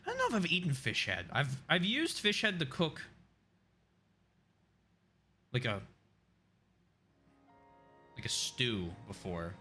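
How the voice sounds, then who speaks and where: A man's voice: medium pitch, wildly swooping pitch, normal speed, sharp tone, faint music behind. A man streaming a video game live, chatting casually, laughing often and reading the chat aloud.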